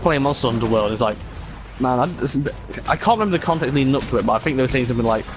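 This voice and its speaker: A man's voice: medium pitch, animated, racing. A man chatting casually and rambling as he plays a video game, swearing freely and slipping into mock imitations of others. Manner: sweary, frequently mimics others mockingly. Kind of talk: casual rambling chat while gaming. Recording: music behind the voice. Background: music.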